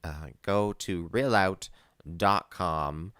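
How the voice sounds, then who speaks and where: A man's voice: deep voice, drawn-out words, a bit bright, smooth, no room sound, clean studio sound. A man hosting a live community radio show, chatting casually with plenty of fillers and easy laughter. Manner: rambling, many fillers, laughs easily.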